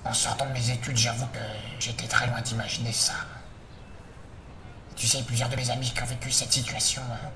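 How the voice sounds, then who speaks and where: A man giving an informal spoken testimony as an anonymous witness, in a hesitant, halting way. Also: mid-range voice, little pitch movement. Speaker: anonymous witness, former freelance worker. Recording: roomy echo, distant mic, clear background noise.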